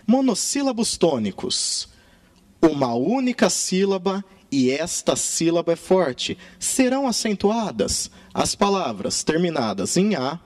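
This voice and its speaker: A man teaching a grammar lesson in Brazilian Portuguese, with emphatic, drawn-out key words. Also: on the high side, a little mellow, no room sound.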